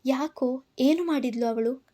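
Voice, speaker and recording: A woman's voice: high-pitched, a little slow, warm tone. A woman voicing a worried middle-aged mother who asks anxious questions, in a storybook reading.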